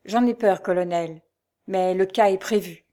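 A woman's voice: medium pitch, unhurried, warm tone, lightly acted. A woman reading the part of an old former nurse, fervent and tearful, in a storybook reading. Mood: resolute.

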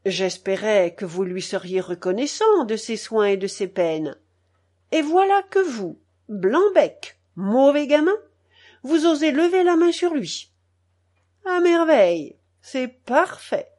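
A woman's voice: medium pitch, lively intonation, measured pace, few pauses, a little mellow. A woman reading the part of a stern elderly aristocratic grandmother who scolds coldly and with emphasis. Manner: cold, emphatic, scolding with raised voice.

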